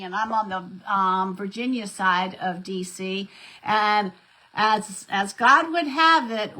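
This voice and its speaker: A woman's voice: on the high side, pushed and bright, poor audio. A middle-aged woman, chatting casually as she hosts a craft live stream and greets viewers by name. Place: home craft desk.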